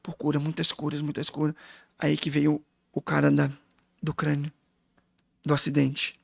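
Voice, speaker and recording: A man's voice: fairly high pitch, gravelly, dry recording. A middle-aged man with a Brazilian Portuguese accent, a guest pastor telling an emotional testimony full of quoted dialogue in a casual interview.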